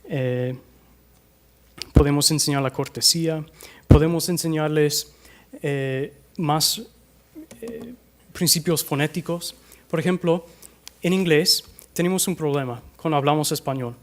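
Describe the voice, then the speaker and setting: A man with an American accent, a native English speaker, giving a conference talk on language teaching into a microphone, hesitating often and slowing down to demonstrate sounds. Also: fairly high pitch. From United States. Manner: hesitant, many filler sounds, slows down to demonstrate pronunciation. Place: conference hall.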